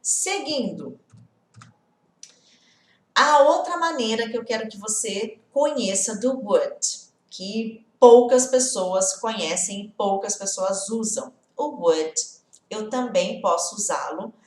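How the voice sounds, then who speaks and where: A woman teaching an English lesson on a live stream, lively, often checking in with the viewers and greeting them by name. She is a native Portuguese speaker. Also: medium pitch, takes it slowly, roomy sound.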